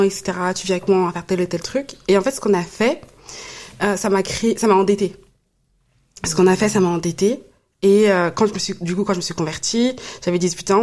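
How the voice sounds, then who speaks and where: A woman's voice: medium pitch, a little mellow. A woman co-hosting a podcast, telling a personal story in a confiding, hesitant way. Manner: hesitant, confiding, many fillers. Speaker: podcast co-host. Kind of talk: personal testimony in casual chat.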